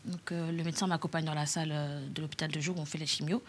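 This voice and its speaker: A young woman with a French accent telling her own story as a talk show guest, halting, with many fillers and restarts. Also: low-pitched, little pitch movement, a little hiss or hum. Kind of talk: personal testimony on a talk show.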